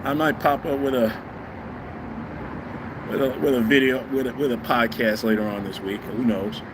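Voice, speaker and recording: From a balcony above the city, a man in his fifties livestreams, preaching blunt opinions directly at viewers. His mid-range voice holds a fairly even intonation at a moderate pace. Heavy outdoor noise and city traffic are audible behind him.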